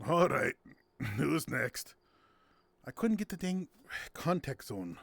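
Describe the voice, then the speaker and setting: Male streamer, casual gameplay commentary, gravelly, very bouncy delivery, giggles often. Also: on the high side, very animated, slow, no echo. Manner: playful and giggly, with silly sound words. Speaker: streamer hosting a game night.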